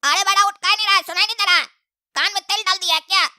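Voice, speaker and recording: A woman voicing a cheeky, mouthy young boy in a cartoon, talking in sarcastic rambles with frequent shouts and laughs. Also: very high voice, steady tone, very fast, heavily acted. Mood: disgusted.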